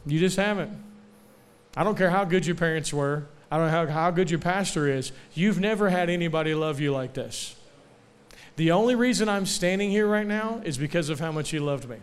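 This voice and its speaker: A young man delivers a sermon at a camp meeting, his voice a touch high and smooth, even resonant. He keeps calling for amens and asking the crowd questions, and he slows down to press home the lines that matter most. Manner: call-and-response, asking for amens; slows down to stress key phrases. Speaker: preacher.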